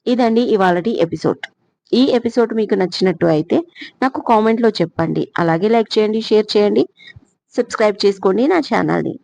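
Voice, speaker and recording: A woman's voice: medium pitch, fairly quick, gravelly, darkish tone, no room sound. A woman storyteller narrating a serialized love story, reading every character in her own voice.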